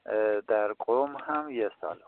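A man's voice: lowish voice, a little hiss or hum. Hesitant man on a phone line. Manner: hesitant, many filler sounds. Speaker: filmmaker guest. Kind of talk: radio interview answers.

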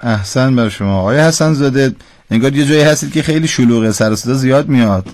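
A man's voice: medium pitch, a little mellow, no room sound, studio quality. A man hosting a call-in radio lesson, patiently and precisely correcting callers' pronunciation. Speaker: radio Quran recitation teacher.

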